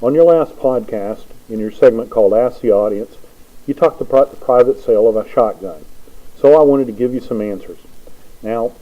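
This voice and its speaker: A man who is getting over a cold reads out his answer in a recorded voice message. He works through his reasons one point at a time at an ordinary pitch. The whole thing sounds narrow and tinny, like a phone line or a voice heard through a tube. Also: moderate pace. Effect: thin, boxy sound, like through a tube or phone line. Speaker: listener sending in a voice message. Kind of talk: reading a prepared answer.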